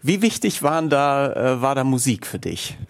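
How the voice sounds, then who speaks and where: A man hosts a relaxed interview in a mid-range voice. He asks thoughtful questions and often reworks his phrasing as he speaks. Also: medium pitch, moderate pace. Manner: thoughtful, self-correcting questions. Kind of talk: casual interview.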